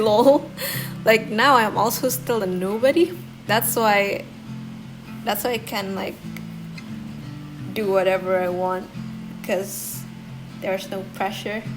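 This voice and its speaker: This artist vlogger is a young woman from Indonesia who speaks Indonesian natively. She has a mid-range voice and answers Q&A questions in a casual voice-over, giggling and poking fun at herself. The recording is low quality, with soft guitar music in the background.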